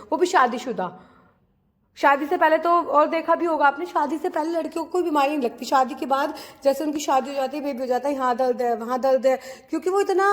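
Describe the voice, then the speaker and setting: A young woman from India talking earnestly and casually to her viewers in a study vlog, with many fillers and restarts. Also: high voice. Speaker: vlogger studying for a teaching exam.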